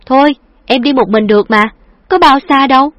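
A woman voicing a lively, affectionate young woman who is playful and teasing, with a chirpy, coaxing manner. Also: sits high, brisk, dry recording, voice pushed up, lightly acted. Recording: dull lo-fi dry recording.

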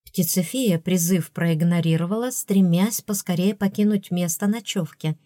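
A woman reading first-person fantasy narration for an audiobook, lively and expressive, close to the mic. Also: on the low side, moderate pace, no echo.

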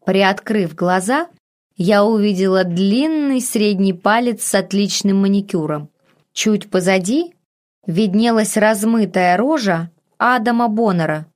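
Woman narrator, audiobook reader, measured first-person storytelling. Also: medium pitch.

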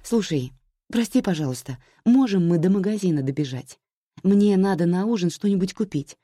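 A woman reading a story aloud, voicing a practical, sympathetic young friend who speaks calmly. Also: fairly low pitch, moderate pace, no room sound, studio quality, voice pushed up. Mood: reasonable.

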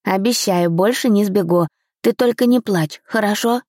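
Woman voicing a four-year-old boy prince, eager and playful, raised childlike voice, mellow tone, dry close sound, storybook audiobook. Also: mid-range voice, moderate pace, no room sound, natural voice. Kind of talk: audiobook character voice.

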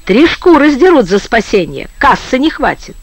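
A man reading an audiobook, voicing a cautious bookkeeper who speaks slowly and hesitantly. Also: very high voice, big pitch swings, no room sound, pitched above the performer's own voice, heavily acted. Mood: doubtful. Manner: slow, hesitant.

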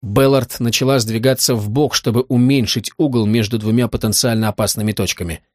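Steady male audiobook narrator, dry sound. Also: medium pitch, fairly quick, no room sound. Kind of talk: scripted narration.

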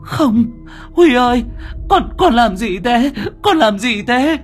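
A shrill, wailing old woman, as a male narrator puts her on, crying out in panic in a horror storybook. The voice leaps high above the reader's own and swings wildly. Faint music plays underneath. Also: animated, slow pace, husky, full character voice. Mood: panicked wailing. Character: terrified old village woman, grieving mother.

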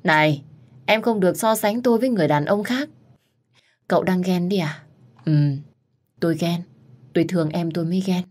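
A woman's voice: on the low side, a little fast, long pauses, a little mellow, natural voice. A woman voicing a devoted young husband who is tender and possessively jealous of his wife. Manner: earnest, possessive.

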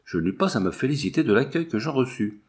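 A man narrating a classic novel as an audiobook, in an expressive, literary and gently ironic manner. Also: medium pitch, fast talker. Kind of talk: scripted narration.

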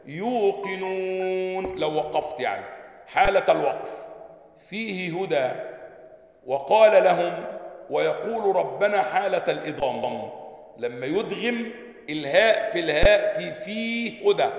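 A man's voice: a little high, expressive, moderate pace, creaky. A man with an Egyptian accent, a sheikh teaching a lesson on a book. He reads a passage aloud, explains it, and keeps asking his listeners questions before answering them himself. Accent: Egyptian Arabic. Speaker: sheikh teaching Quran sciences. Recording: echoey hall with long reverb.

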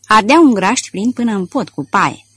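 A woman's voice: mid-range voice, animated, a bit bright, husky, no echo. A woman narrating a detective novel as an audiobook, reading expressively into a close mic.

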